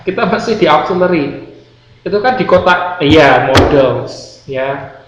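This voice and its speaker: A man's voice: fairly high pitch, expressive, unhurried. A man teaching an English grammar class, explaining patiently, repeating key words and quizzing his students. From Indonesia. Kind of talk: classroom lecture. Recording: roomy classroom, dull lo-fi sound, faint noise.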